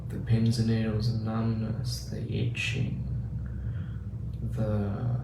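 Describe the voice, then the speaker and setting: A man giving a casual spiritual teaching talk on meditation, acting out the mind's inner voice in quick asides. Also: fairly low pitch, completely flat delivery. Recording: roomy, distant mic with faint noise.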